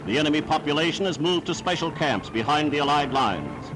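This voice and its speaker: A man's voice: on the high side, animated, brisk, over loud music, poor audio. A man reading scripted 1940s newsreel narration in a formal, declamatory manner on a period soundtrack.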